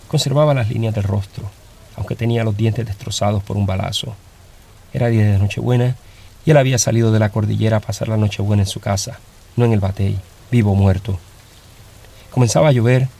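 Low gravelly male story narrator. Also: fairly quick, mellow. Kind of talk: scripted story reading.

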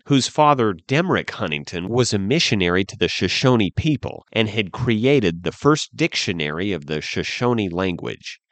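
Low-voiced man telling a dark history tale. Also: dry recording. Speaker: narrator. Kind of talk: dramatic history storytelling. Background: faint music.

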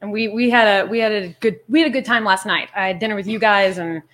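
A woman's voice: mid-range voice, steady tone, quick pace, a bit bright. A woman hosting a casual panel chat, telling stories with frequent laughs and some swearing. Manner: laughing, swearing, chatty storyteller. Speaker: host.

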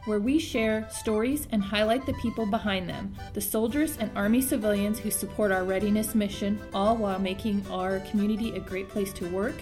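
Woman announcer over loud music. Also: mid-range voice, a little fast, few pauses. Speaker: podcast intro announcer. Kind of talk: scripted show intro.

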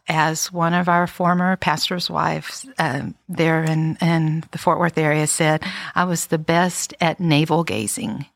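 Middle-aged woman, slightly low pitch, unhurried reflective podcast talk, dry mic. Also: fairly bright tone, no echo. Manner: reflective, many fillers and restarts. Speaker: podcast co-host. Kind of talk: casual chat.

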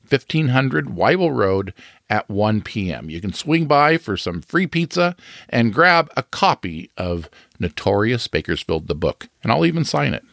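A man's voice: lowish voice, big pitch swings, unhurried, creaky, fairly bright tone, no room sound, clean studio sound. A man hosting a podcast, reading a scripted true crime narration.

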